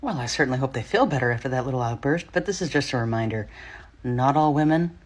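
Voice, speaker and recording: A man's voice: medium pitch, lively intonation, fast. A man giving a commentary voiceover in a dry, sarcastic way.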